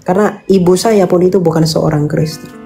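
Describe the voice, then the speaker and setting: A woman's voice: on the low side, fairly even intonation, brisk, creaky, dark tone, soft background music. A woman giving casual faith counseling, earnest and coaxing, repeating her points and mixing in English phrases.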